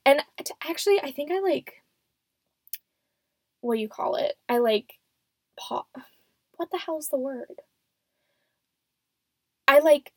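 A woman's voice: a little high, no echo. A seventeen-year-old young woman hosting a casual, unscripted solo podcast in a rambling, self-deprecating way, recorded close and muffled in a closet. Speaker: podcast host. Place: small closet at home. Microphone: microphone.

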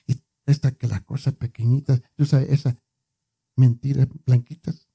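A man's voice: mid-range voice, little pitch movement, normal speed, gravelly, warm tone, breathy edge. A male preacher giving a conversational sermon, repeating words for emphasis and joking with his congregation.

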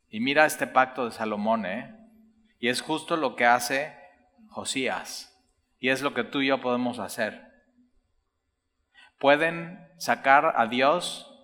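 A man's voice: mid-range voice, fairly bright tone. A man preaching a sermon, reading Bible verses aloud and explaining them while speaking straight to the listener. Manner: reads scripture aloud then explains, addresses listener directly. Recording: long hall reverb.

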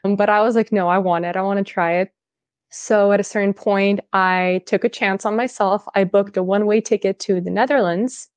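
A woman's voice: mid-range voice, steady tone, brisk, no room sound. A woman born in Russia and raised in California, speaking as a podcast guest, telling stories in a chatty way with lots of "like". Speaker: podcast guest, business owner. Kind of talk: casual podcast interview.

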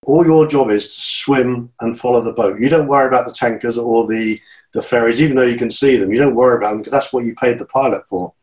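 In poor audio, a channel swimmer in his fifties from Great Britain talks as an interview guest, quick-paced, in a darkish mid-range voice. The chat is casual; he's earnest and encouraging, frequently restarting and repeating himself.

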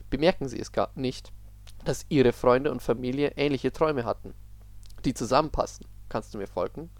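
A man's voice: medium pitch, darkish tone, no echo, lightly acted. Man reading a weary, sorrowful dream being. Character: sad weary otherworldly male dream being.

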